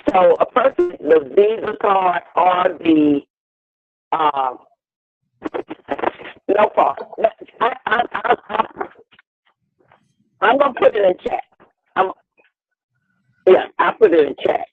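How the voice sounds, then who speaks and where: A woman's voice: on the low side, big pitch swings, takes it slowly, long pauses, a little hiss or hum. A woman calling into a webinar over a phone connection that keeps breaking up, hesitant and restarting her words. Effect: choppy phone connection that keeps breaking up. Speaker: caller on a webinar. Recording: tinny breaking-up phone line.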